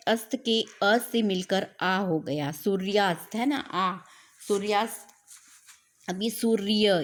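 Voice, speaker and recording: A woman teaching grammar in a classroom-style lesson, repeating each point and asking questions she then answers, with English words mixed in. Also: medium pitch. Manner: mixes English words into Hindi.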